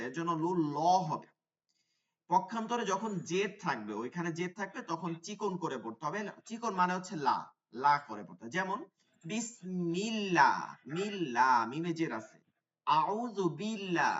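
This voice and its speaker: A man's voice: on the high side, a bit bright. Man teaching Quran recitation in an online class. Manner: explains slowly, drawn-out recitation examples. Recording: dull sound from away from the mic.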